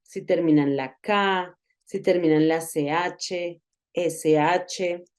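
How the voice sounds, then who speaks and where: A woman giving a recorded online lesson, explaining patiently and repeating example words slowly. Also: lowish voice, fairly even intonation, a little mellow. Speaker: English teacher.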